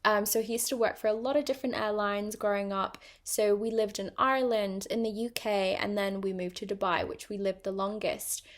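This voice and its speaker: A young woman hosts her own podcast, chatting casually about personal matters with plenty of ums and likes. Her accent mixes British and international traits, and her medium-pitched voice stays fairly even, brisk, with few pauses.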